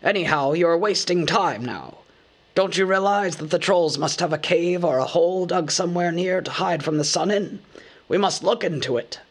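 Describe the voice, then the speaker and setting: Man doing old wizard, stern, impatient, brisk, raised pitch, altered timbre. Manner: brisk, scolding, matter-of-fact. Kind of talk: audiobook character voice.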